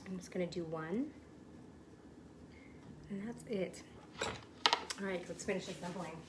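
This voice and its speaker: A woman's voice: on the low side, unhurried, heavy background noise. A woman hosting a casual home cooking show, chatting enthusiastically to her viewers as she demonstrates a recipe in her kitchen. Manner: chatty, enthusiastic, addresses viewers as "you guys".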